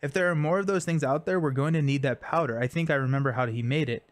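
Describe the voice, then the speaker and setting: A man's voice: on the high side, fast, close to an everyday voice. A man reading aloud the lines of a grateful, worried male doctor in an earnest way.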